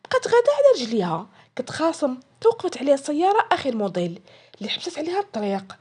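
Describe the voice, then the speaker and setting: A woman with a Moroccan accent telling a story and voicing each character in turn. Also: sits high. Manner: voices each character in turn, quick and lively. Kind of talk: storytelling narration.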